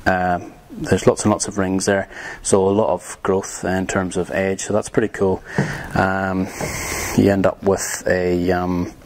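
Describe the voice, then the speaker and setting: A young man, a tiny house builder, gives a relaxed, rambling hands-on demonstration of building materials, with lots of ums. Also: deep voice, measured pace, a little hiss or hum.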